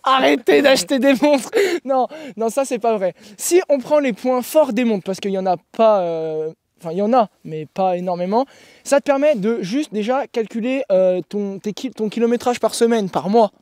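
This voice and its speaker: A man's voice: high voice, animated, normal speed, mellow, no room sound, clean studio sound. A man who coaches endurance sport, explaining gear in a blunt, laughing, casual podcast chat.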